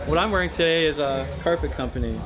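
A man's voice: fairly high pitch, quick pace. A man chatting casually to a handheld camera. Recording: loud music behind, handheld camera.

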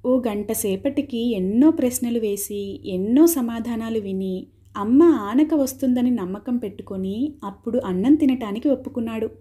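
A woman reading a story aloud as an audiobook, steady and expressive, softly voicing the characters' dialogue. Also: a little high, moderate pace, slightly rough.

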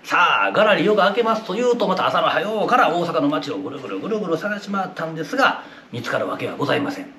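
A man telling a comic story in an Osaka accent. His narration is lively and theatrical, his voice is high and bright, and there is a roomy echo around him. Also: racing, few pauses. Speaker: rakugo storyteller. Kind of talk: Kamigata rakugo narration. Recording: roomy echoey room.

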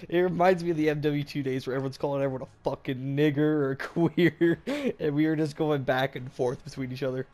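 A man's voice: a little high, steady tone, brisk, few pauses, darkish tone. A young man with a congested cold, chatting crudely and laughing often during casual gameplay commentary. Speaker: gamer and channel host.

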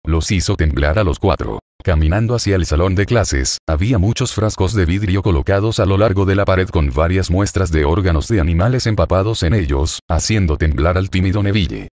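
A man narrating a novel in an even, steady audiobook reading. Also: low-pitched, brisk, hardly any pauses, no echo, studio quality.

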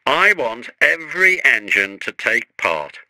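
A man's voice: medium pitch, sing-song, slow, bright, forceful tone, dry recording, pitched above the performer's own voice, exaggerated voice, low-quality recording. A man voicing a stern, important male railway boss who speaks firmly. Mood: commanding. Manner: firm and commanding.

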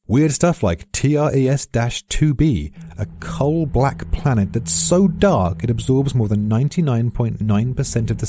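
A British man reading a scripted science explainer in a dry, precise, lightly witty way. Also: medium pitch. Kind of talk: scripted narration.

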